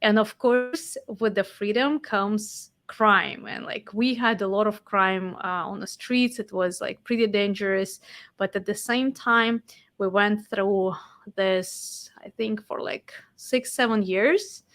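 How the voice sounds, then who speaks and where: A woman in her forties from Russia with a Russian accent, a podcast host being interviewed, telling her story in an animated way with fillers and restarts. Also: medium pitch, slow pace. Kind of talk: casual interview.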